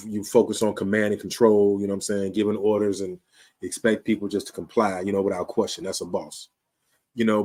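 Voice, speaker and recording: A man, hosting his show in a casual, streetwise talk straight to the camera, often checking in with "you dig". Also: lowish voice. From Chicago, USA. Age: 50s. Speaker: show host.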